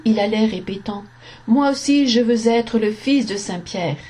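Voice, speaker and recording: A woman reading a story aloud in a slow, measured narration, giving the quoted lines a voice. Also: medium pitch, dark tone.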